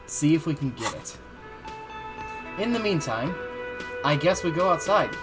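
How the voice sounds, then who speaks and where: A man's voice: on the high side, very animated, unhurried. A man streaming a video game live, chatting in a loose, playful way and swearing often while he drinks. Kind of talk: casual live gameplay commentary. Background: game music.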